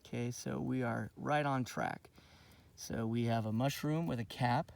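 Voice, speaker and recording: A man's voice: mid-range voice, a little slow, gravelly, a little mellow, distant mic. A man giving a casual outdoor nature lesson for kids on his lawn, friendly and rambling with lots of fillers. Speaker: outdoor education teacher.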